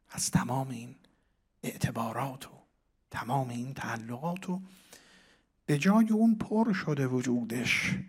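A man lecturing on mystical poetry, reciting verses and explaining them, with words that drop to hushed whispers and then rise to loud, emphatic declaiming. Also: mid-range voice, slightly rough.

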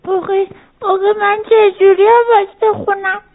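Brief: woman playing a very high, shy little bird, earnest, storybook, phone-like sound. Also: little pitch movement. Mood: frightened. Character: tiny timid young bird, earnest.

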